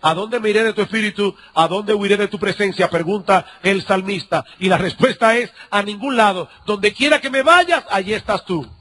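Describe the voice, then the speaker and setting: A male pastor preaching a sermon, asking his listeners rhetorical questions and repeating key lines, swinging between loud, drawn-out emphasis and quiet asides. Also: high-pitched, poor audio.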